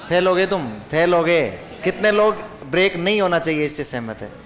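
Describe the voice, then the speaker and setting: A man teaching a class, who dictates points slowly, repeats them, and chats and jokes with the students. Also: high voice, lively intonation, a crowd in the background.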